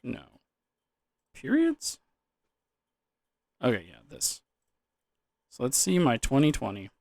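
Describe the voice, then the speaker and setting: A man's voice: medium pitch, sing-song, moderate pace, gravelly, darkish tone, dry recording, clean studio sound. A young man in a loose, drunken, rambling casual chat about gaming, trailing off, repeating words and swearing casually. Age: young adult. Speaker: gaming vlogger.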